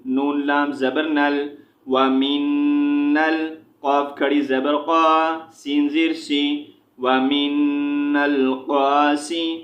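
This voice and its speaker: Slow, flat-voiced man spelling recitation. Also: on the high side, roomy sound, muffled recording. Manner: spells each letter and vowel, then blends and recites slowly; quick asides explaining pause rules. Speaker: Quran teacher.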